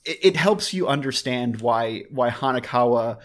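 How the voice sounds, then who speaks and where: A man's voice: medium pitch, expressive, normal speed. A man co-hosting a podcast in casual chat, rambling with frequent restarts and fillers. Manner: rambling, with many restarts and laughs. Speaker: podcast co-host.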